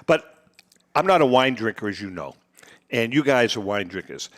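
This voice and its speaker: A man's voice: mid-range voice, animated, normal speed, a bit bright. A man co-hosting a casual podcast chat, telling stories with lots of fillers and restarts. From United States. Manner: storytelling, chatty with frequent fillers and restarts. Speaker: podcast co-host.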